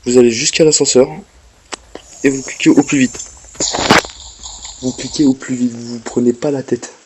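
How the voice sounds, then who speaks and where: A man's voice: medium pitch, fairly even intonation, normal speed, very noisy. French-speaking man narrating a game walkthrough. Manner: chatty, explains as he plays, talks to the game. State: slightly ill, coughing. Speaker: gameplay commentator. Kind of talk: casual gameplay walkthrough commentary.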